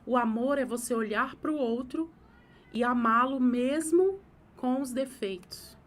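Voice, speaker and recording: Hosting a live talk that gives advice on emotions, a woman speaks emphatically, repeating phrases for effect. Her voice sits high and her pace is measured.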